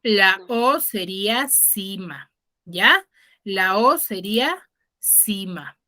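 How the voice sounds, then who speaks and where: Speaking very slowly in a medium-pitched, expressive and sharp-toned voice, a woman teaches an online class. She explains patiently, stresses key words, and checks on her students with frequent questions.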